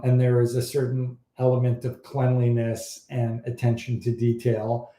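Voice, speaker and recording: Male fertility doctor, originally from Iran, hosting a live Q&A; blunt and animated, warm low tone, echoey room. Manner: blunt, animated, exasperated at odd claims. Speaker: fertility doctor answering questions. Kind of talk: casual live Q&A.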